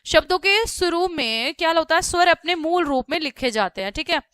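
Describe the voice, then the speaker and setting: Bright, high-voiced woman teaching a lesson. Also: animated, normal speed, dry recording, clean studio sound. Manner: explains step by step, asking and then answering her own questions; repeats "ठीक है" often as a check-in. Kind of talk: classroom-style grammar lesson.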